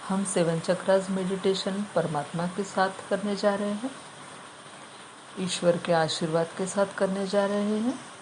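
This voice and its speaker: A woman guides a meditation in a steady, medium-pitched voice, giving instructions in short, measured phrases. Long pauses separate each phrase, and the background is noisy.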